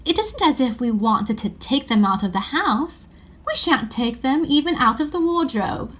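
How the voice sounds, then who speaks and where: A woman's voice: high voice, animated, normal speed, fairly bright tone. A woman voicing a practical, sensible schoolgirl from a children's storybook, with proper old-fashioned phrasing.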